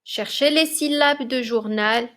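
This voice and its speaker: A woman teaching young children a spelling lesson, reading words slowly and clearly and encouraging the class. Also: sits high, a bit bright. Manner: slow, clearly articulated, encouraging. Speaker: primary school teacher. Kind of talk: slow, deliberate classroom dictation. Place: classroom recording for remote lesson.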